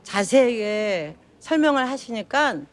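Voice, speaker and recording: A woman's voice: on the high side, expressive, takes it slowly. A woman in her sixties speaking casually as an interview guest, sharing personal testimony into a handheld phone indoors. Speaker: interview guest, church member. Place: indoor hotel lobby lounge. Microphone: phone held near the mouth by interviewer.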